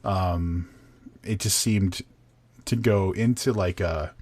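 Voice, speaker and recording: Man, lowish voice, dry close mic, blunt, halting, casual podcast chat. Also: a little mellow, no echo. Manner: blunt, halting, swears freely. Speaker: podcast co-host. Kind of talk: casual book review chat.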